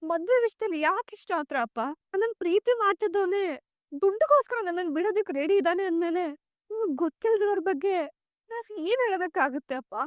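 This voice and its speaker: A woman's voice: extremely high pitch, animated, fast talker, no room sound, clean studio sound. An actress playing a young adult daughter who pleads emotionally with her father, in a TV serial. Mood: pleading. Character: young adult daughter, betrayed, clinging to her parents' love. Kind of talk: TV serial acting.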